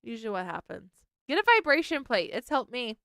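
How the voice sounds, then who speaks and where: A woman's voice: fairly high pitch, sing-song, fairly quick, creaky, fairly bright tone, no room sound, clean studio sound. A woman co-hosting a podcast over a video call, chatting casually and candidly, laughing often and swearing freely. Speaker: podcast co-host. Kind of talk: casual chat.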